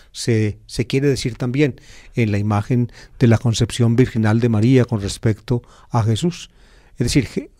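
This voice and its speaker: A male priest giving a gospel reflection in a teacherly, explanatory way, pausing on fillers and repeating key phrases for emphasis. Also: mid-range voice, warm tone.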